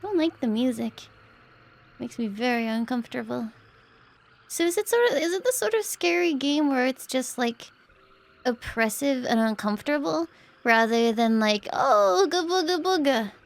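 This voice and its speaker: On her horror game livestream, a woman talks to viewers in a creaky voice on the high side, her intonation lively and her pace moderate. She's frightened and jumpy, crying out while she plays.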